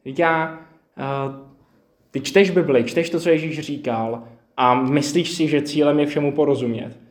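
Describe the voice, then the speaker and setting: A man's voice: a little high, roomy sound. A man giving a personal, reflective sermon in a conversational way, acting out his own inner dialogue. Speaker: preacher.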